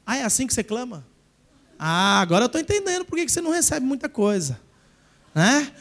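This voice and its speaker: A man preaching a sermon in a church, leading the congregation in call-and-response and shouting at the peaks. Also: extremely high pitch, big pitch swings, a little fast. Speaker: pastor.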